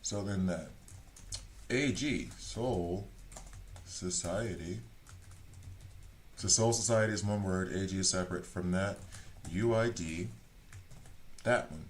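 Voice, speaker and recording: This man streams a game from Switzerland and, though German isn't his first language, chats at length with viewers, reading chat aloud. He speaks slowly in a deep voice, leaving long pauses, and there's a little hiss or hum.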